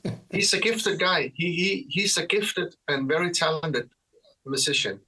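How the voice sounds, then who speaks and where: Danish-accented man, bright husky voice. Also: fairly high pitch, a little slow, far from the mic, rough recording. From Denmark. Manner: relaxed, rambling, frequent restarts and fillers. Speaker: guitarist guest. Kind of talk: casual interview chat.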